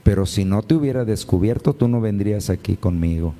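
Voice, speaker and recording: A man's voice: on the low side, lively intonation, a little fast, warm tone, in a large hall. A male pastor preaching a sermon, firing rhetorical questions at his congregation and calling them brothers and sisters. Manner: addresses listeners as brothers and sisters.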